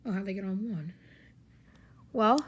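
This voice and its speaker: A woman with a medium-pitched, slightly rough voice speaks a little slowly while giving a casual, rambling hands-on gadget demonstration. She's off screen in a carpeted living room, recorded on a handheld camera or phone.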